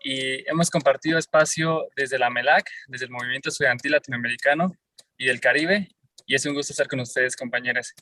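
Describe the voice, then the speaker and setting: A man from Mexico with a Mexican Spanish accent, a student movement representative giving a quick, cheerful introduction. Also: medium pitch, bright, forceful tone, rough recording.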